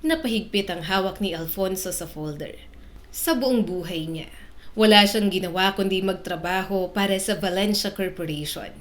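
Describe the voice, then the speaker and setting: A woman telling a romance drama story in scripted, steady narration. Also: medium pitch, normal speed.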